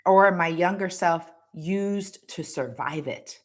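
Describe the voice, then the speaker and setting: A woman's voice: on the low side, slow, heavy background noise. A woman hosting a motivational talk, speaking emphatically to her listeners, repeating words and tagging lines with "right?". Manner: preachy, direct address to the audience. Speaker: host.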